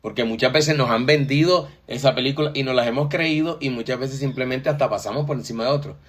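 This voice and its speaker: Man explaining, mid-pitched. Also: fast. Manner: explanatory, repeats "o sea" and "entonces". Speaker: co-host.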